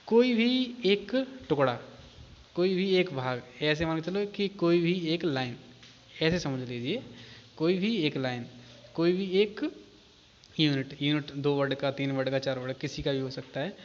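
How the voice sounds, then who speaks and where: A man teaching, who reads English definitions slowly and then explains them in Hindi with many repetitions. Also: on the high side. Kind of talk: explanatory lecture. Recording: muffled audio with long reverb.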